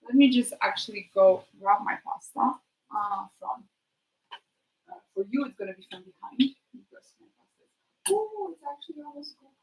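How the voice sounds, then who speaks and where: A woman chatting casually to her live stream while she cooks, thinking aloud in a halting way and trailing off. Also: fairly high pitch, sing-song, a little mellow. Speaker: streamer hosting a live cooking chat. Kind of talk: casual chat while cooking. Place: kitchen, next to the sink. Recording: noisy kitchen with clicks. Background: cooking noises and clicks.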